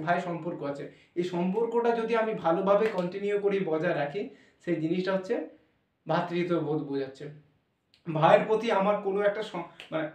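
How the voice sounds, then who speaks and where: Male teacher, high voice, spells words letter by letter, recorded from a distance in a roomy hall. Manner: spells words out letter by letter, repeats and self-corrects. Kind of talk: classroom lesson explaining English pronunciation. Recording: echoey room, voice from a distance.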